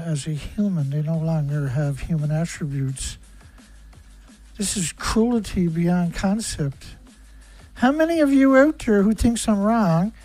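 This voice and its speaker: In this ranting livestream monologue, a male host hurls hammering rhetorical questions through an angry, profane tirade. He has a high, mellow voice.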